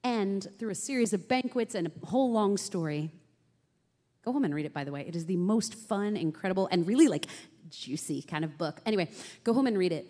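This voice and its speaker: Woman, sermon, conversational storytelling, asks listeners questions, mid pitch, long hall reverb. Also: expressive, fairly quick, mellow. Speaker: preacher.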